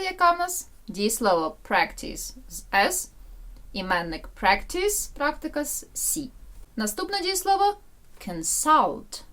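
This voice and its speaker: Female teacher, very lively intonation, slow careful repetition of English vocabulary. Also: on the high side. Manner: explains in Ukrainian, repeats English words slowly for pronunciation. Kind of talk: bilingual vocabulary lesson.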